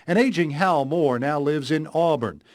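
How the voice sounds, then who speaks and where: Male TV news reporter, American accent, scripted narration, voice pitched a bit above average. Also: normal speed, faint music behind.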